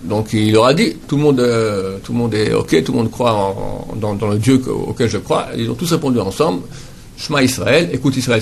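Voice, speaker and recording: A man gives a lesson on prayer in a mid-pitched voice. He talks patiently and repeats each word slowly and carefully so the listeners can copy how it is said. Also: creaky, a little hiss or hum. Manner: patient, repeats Hebrew words slowly to model pronunciation. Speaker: Torah teacher.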